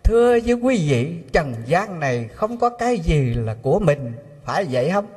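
A man with a Southern Vietnamese accent giving a storytelling Buddhist sermon, animated and full of rhetorical questions to the audience. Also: on the high side, normal speed, breathy edge. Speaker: Buddhist preacher. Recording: long hall reverb.

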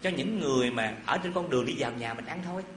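A man voicing a rich miser's generous wife, making quick coaxing offers. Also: mid-range voice, expressive, fairly bright tone, a little hiss or hum, natural voice. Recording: echoey hall with faint ambience.

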